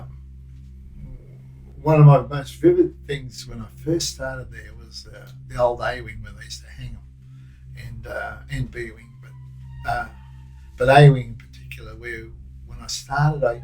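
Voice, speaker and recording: A man's voice: mid-range voice, darkish tone, low-quality recording. Rambling older Australian man. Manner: rambling, broken anecdotes with many restarts. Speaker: guest, former prison officer. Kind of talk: casual recollection.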